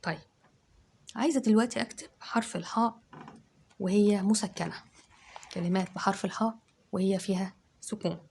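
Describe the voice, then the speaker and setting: A woman teacher with an Egyptian accent, giving a dictation lesson to children and sounding words out syllable by syllable, loud and drawn out. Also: medium pitch, a little fast, creaky, pauses often, a little hiss or hum. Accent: Egyptian Arabic.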